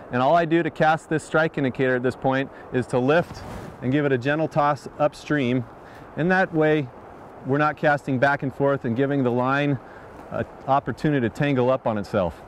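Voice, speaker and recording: A man narrating a fly fishing lesson in a calm, explanatory manner. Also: fairly high pitch, a little hiss or hum. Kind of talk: instructional voice-over narration.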